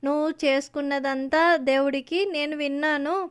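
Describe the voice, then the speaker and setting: A woman voicing a kind, protective magic talking coconut in a children's story, with a gentle, reassuring manner. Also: high-pitched, level tone, normal speed, close to an everyday voice.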